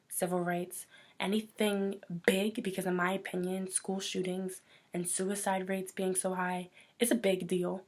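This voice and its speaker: A woman hosting her own talk show, delivering an earnest, impassioned rant and going hoarse from it. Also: lowish voice. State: losing her voice. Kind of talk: personal talk show monologue.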